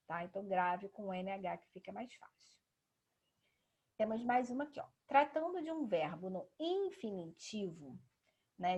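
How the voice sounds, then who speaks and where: Husky Brazilian woman teaching grammar. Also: mid-range voice, darkish tone. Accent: Brazilian Portuguese. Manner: patient, explanatory, frequent tag questions. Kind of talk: classroom grammar lesson.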